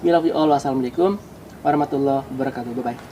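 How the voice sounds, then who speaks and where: A man's voice: medium pitch, very fast, noisy background. A man talking to his viewers in a casual vlog, explaining himself defensively. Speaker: YouTuber.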